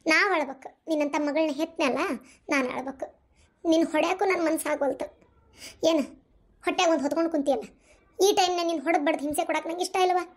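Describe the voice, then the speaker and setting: A woman's voice: high-pitched, fast talker, pauses often, lightly acted. A woman voicing a distraught middle-aged village mother in a cartoon, scolding and wailing in a North Karnataka Kannada accent. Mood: lamenting. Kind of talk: cartoon voice acting.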